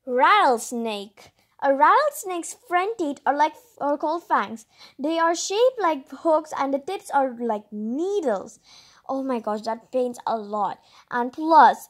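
A female host with a high-sitting voice reads a children's picture book aloud expressively, adding chatty asides and drawing out words for emphasis.

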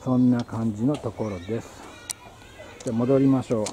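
A man's voice: medium pitch, steady tone, a little fast, warm tone, poor audio. Musing Japanese-speaking man on a station walk. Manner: muses aloud, thinking as he goes. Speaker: travel vlogger. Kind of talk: casual travel vlog narration. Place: outdoors at a small rural train station. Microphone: handheld camera mic. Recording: outdoor ambience with birds and traffic.

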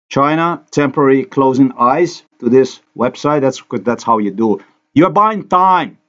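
A man's voice: on the high side, muffled recording. A man from Slovenia, a native Slovenian speaker, giving an angry, accusatory, repetitive monologue over a screen recording.

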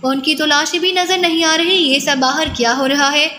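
A woman reading a panicked male lab chief who barks commands in a high, bright voice. The audiobook carries a long reverb tail. Faint noise sits underneath. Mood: alarmed. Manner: shouting, urgent commands. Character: agitated male scientist in charge, barking orders.

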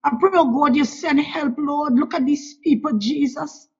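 In a dull lo-fi recording, a prayer leader pleads fervently, calling out to God and the Lord again and again between phrases. She speaks high and a little mellow at a moderate pace.

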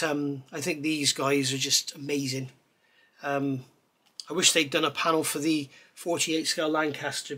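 Sitting indoors at a table, a middle-aged man casually reviews scale model parts, chatty and enthusiastic, with lots of ums and gushing praise. His voice is on the high side with a sharp tone.

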